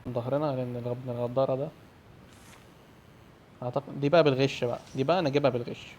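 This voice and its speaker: Excitable Egyptian man narrating a horror game. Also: mid-range voice, racing, slight background noise. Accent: Egyptian Arabic. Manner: excitable, shouts and swears when scared. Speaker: gamer.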